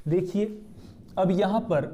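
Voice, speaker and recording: Man, high voice, mellow tone, grammar teacher, question-and-answer lesson style. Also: a little hiss or hum. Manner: asks questions and answers them himself; repeats key terms slowly for emphasis. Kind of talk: explanatory lesson.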